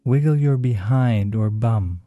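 A man gently leading children through a slow, soothing guided relaxation exercise. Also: medium pitch, lo-fi sound, music in the background.

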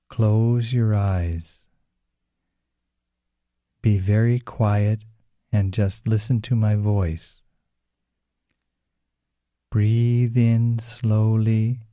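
Slow, soothing man guiding relaxation. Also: on the low side, no echo, studio quality. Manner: slow, soothing, gentle instructions. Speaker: relaxation guide for children. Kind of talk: guided relaxation script.

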